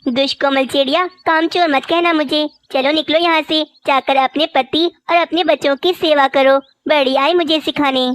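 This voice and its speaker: A high-pitched, sharp-tongued young crow wife from a cartoon, voiced by a woman. She talks down to everyone, bossy and lazy. The sound is dry and close. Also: fairly even intonation, normal speed, no echo. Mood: scornful. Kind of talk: cartoon voice acting.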